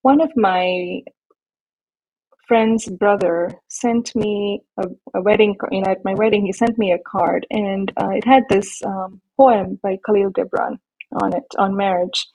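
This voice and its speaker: A woman from India and Nigeria, talking thoughtfully as an interview guest with many small pauses and restarts. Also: mid-range voice, steady tone, darkish tone, poor audio. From born in India, raised in Nigeria. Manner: thoughtful, measured, with frequent fillers and restarts. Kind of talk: interview conversation.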